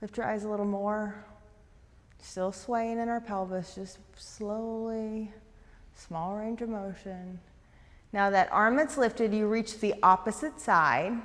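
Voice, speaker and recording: A woman leading a guided stretching class, talking fast and eagerly as she gives coaching cues. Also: medium pitch, long reverb tail. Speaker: fitness instructor.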